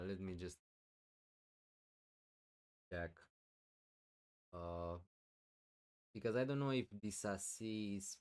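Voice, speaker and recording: A fantasy football streamer with a low, clear, resonant voice talks loudly on a live stream, answering chat questions while thinking aloud with many fillers. He's losing his voice and keeps clearing his throat.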